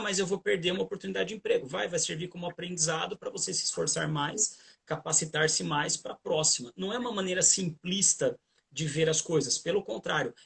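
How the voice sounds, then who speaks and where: A man's voice: a little high, creaky, fairly bright tone, breathy edge. A Brazilian man, a guest trainer on a livestream video call, giving conversational advice with hesitant restarts and repeated fillers.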